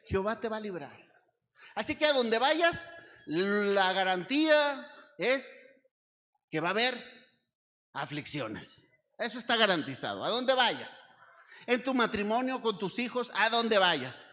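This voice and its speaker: A man's voice: sits high, very animated, unhurried, long pauses, bright, forceful tone, long reverb tail. A man with a Mexican accent preaching a sermon to his church, emphatic and full of rhetorical questions to the congregation. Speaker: pastor. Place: church service.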